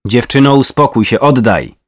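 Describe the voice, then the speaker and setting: Patient older man in a crime audiobook, even and soothing, voiced by the male narrator, dry sound. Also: medium pitch, moderate pace, no echo, close to an everyday voice. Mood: calm. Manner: steady, placating.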